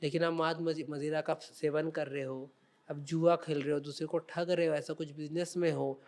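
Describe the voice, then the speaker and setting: A man's voice: a little high, level tone, normal speed, darkish tone. A man speaking as a religious guest on a podcast interview, explaining spiritual teachings in an emphatic, preaching way.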